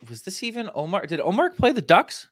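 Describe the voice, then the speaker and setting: Man, podcast co-host, very lively pitch, dry close sound, wry, easygoing. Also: fairly quick, dry recording. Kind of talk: casual sports chat.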